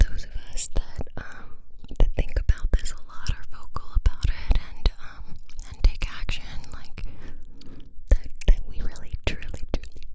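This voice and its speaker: Slow, whispering young woman, ear-to-ear ASMR. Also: rough recording. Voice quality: soft breathy whisper with wet mouth sounds. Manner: gentle, reassuring, halting and rambling. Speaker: ASMR creator. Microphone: close binaural microphone.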